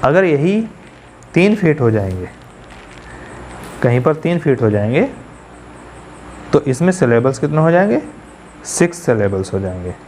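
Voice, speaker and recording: A man's voice: medium pitch, big pitch swings, normal speed, pauses often, a little mellow, a little hiss or hum. A man teaching poetry as a class lecture, repeating key terms and putting questions to the students. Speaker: English teacher.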